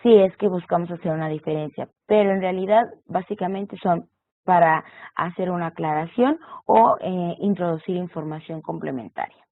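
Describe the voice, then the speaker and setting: A woman's voice: lowish voice, moderate pace, no room sound. A woman explaining punctuation and text structure as an online course teacher, walking through examples. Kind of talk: recorded online lecture. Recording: tinny phone-like audio.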